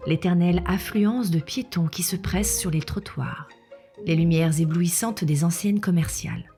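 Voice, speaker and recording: Woman narrating a nature documentary, lower-pitched, over music. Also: normal speed, dark tone. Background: background music.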